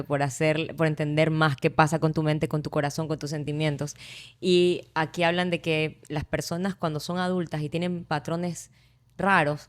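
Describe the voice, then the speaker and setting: A woman hosts a conversational interview, talking at length. Her voice sits a little low for a woman. She quotes others with lively shifts in her voice. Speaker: podcast host.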